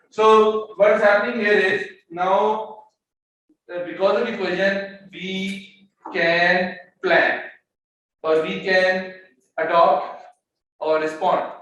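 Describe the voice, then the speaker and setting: This man's high, fairly bright voice carries through a very echoey room, picked up by a distant mic with faint background noise. He's lecturing a class on economics step by step. He mixes English with Hindi-Urdu and frequently repeats words as he searches for his next one.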